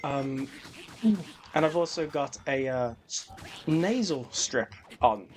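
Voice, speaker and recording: A man's voice: on the high side, expressive, slow, soft background music. A man hosting a comedic video essay on games, sarcastic and sweary, mixing scripted commentary with rambling asides.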